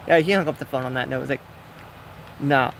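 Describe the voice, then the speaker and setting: A man's voice: medium pitch, fairly quick, creaky, fairly bright tone, slight background noise. A young man giving casual, rambling commentary while playing a building game, often talking to himself. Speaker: gaming vlogger.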